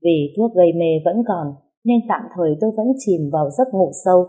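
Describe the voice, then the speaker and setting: A woman giving a calm, even first-person narration of a novel as an audiobook reader. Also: lowish voice, brisk.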